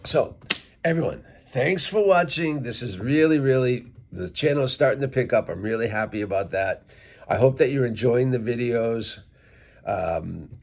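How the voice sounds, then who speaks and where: A gravelly, somewhat low male voice, a little mellow and with a breathy edge, belongs to a middle-aged English teacher vlogger. He comes from Worcester, Massachusetts, has a light local accent, and talks casually to camera about English sounds, spelling out words step by step for his viewers.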